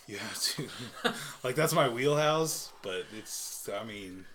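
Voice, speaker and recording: A man's voice: medium pitch, animated, takes it slowly, fairly bright tone, a little hiss or hum. A man co-hosting a podcast in casual chat, teasing and laughing. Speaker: podcast co-host.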